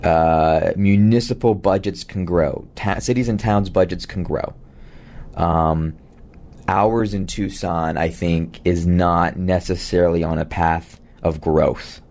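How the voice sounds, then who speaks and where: A man hosting a local radio talk show, chatting casually with a gravelly voice and plenty of fillers. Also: low-pitched, slow. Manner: relaxed, many fillers, reads out numbers.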